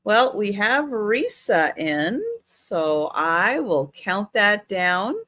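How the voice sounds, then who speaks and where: A woman's voice: mid-range voice, lively intonation, extremely slow, fairly bright tone. A woman co-hosting a casual live online auction, calling out the bids. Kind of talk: casual live-sale chat.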